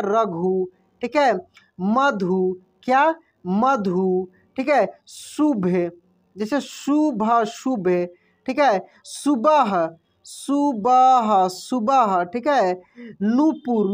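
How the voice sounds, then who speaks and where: A man teaching a language lesson, repeating each example word slowly and clearly and quizzing himself with short questions before answering. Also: extremely high pitch. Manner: drills words by repeating them with quick self-questions. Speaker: Hindi teacher. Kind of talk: classroom-style lesson.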